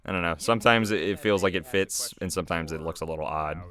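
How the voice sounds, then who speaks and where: His low-pitched, fairly bright voice moves at a quick pace. The speaker is an American creator and voice actor from the United States who offers loose, rambling commentary on his own video, full of self-deprecation.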